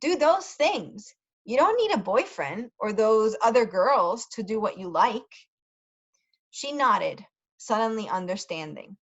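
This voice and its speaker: Reading a story aloud slowly for English learners, a female tutor repeats key words with care and slips in brief Spanish translations. Her voice sits a little high and has a sing-song lilt, and the recording sounds muffled.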